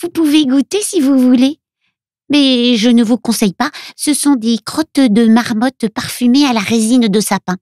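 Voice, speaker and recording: A woman's voice: a little high, normal speed, a little mellow, no room sound, studio quality, pitched above the performer's own voice, lightly acted. A woman voicing Luna, a tearful little girl who is a witch's daughter, speaking in an earnest childlike way in a storybook reading.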